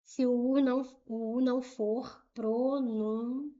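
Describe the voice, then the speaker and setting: A woman teaching Portuguese grammar with a Brazilian accent, spelling out letter pairs and repeating words slowly to show how they sound, checking in with short questions. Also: on the high side, steady tone, mellow, lo-fi sound. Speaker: Portuguese teacher for civil service exams. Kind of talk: explaining grammar at a whiteboard.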